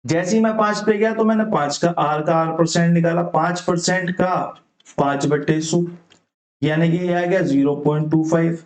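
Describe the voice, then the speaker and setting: A young man with a fairly high voice walks students through exam maths problems one step at a time. He slips English terms into his explanation and keeps checking in with the class. The room around him sounds echoey. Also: moderate pace. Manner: often checks in with "ठीक है". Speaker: maths teacher. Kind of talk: exam-prep maths lesson.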